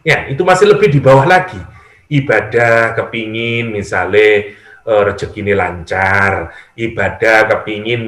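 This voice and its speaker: A middle-aged male preacher with a Javanese accent, speaking at a medium pitch in a casual teaching tone. He slips into acted-out voices of praying worshippers and breaks in with humor. The sound is roomy, with a clear echo around him. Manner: lively, acts out worshippers' prayers, mixes in humor. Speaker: Islamic preacher. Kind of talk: conversational religious lecture. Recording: echoey room.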